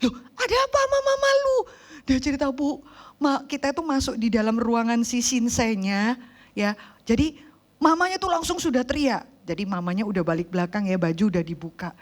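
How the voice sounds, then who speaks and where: A woman's voice: a little high, fairly quick. A woman preacher, telling stories animatedly in a sermon and acting out the people in them. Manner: animated storytelling, acts out quoted voices.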